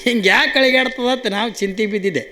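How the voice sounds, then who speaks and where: A man with a North Karnataka accent, telling comic folk stories in a playful, animated way and acting out each character. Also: extremely high pitch, quick pace. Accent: North Karnataka Kannada. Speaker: comic storyteller. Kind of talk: folk comedy storytelling.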